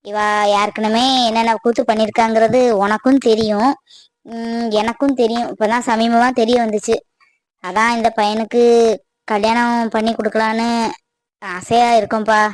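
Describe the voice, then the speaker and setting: A woman's voice: a little high, flat delivery, normal speed, natural voice. A woman voicing an anxious middle-aged village mother, earnestly pleading with her nephew in a cartoon. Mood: persuading. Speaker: voice actor. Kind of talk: cartoon voice acting.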